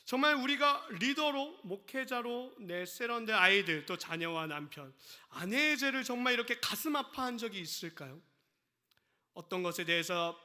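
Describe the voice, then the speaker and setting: Male pastor, sermon, asks questions, acts out quotes, ringing bright voice, long church reverb. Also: extremely high pitch. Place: church sanctuary.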